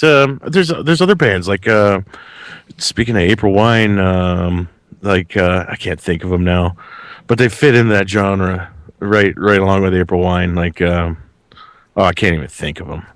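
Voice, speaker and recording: A man's voice: low-pitched, a little slow, no echo, studio quality. A man from Canada co-hosting a casual chat, often laughing and hesitating as he searches for words. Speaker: co-host.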